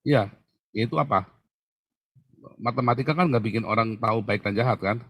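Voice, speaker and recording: A man's voice: mid-range voice, moderate pace, slightly rough, no room sound. A male pastor answering a Bible question, teaching through emphatic questions he puts to his listener.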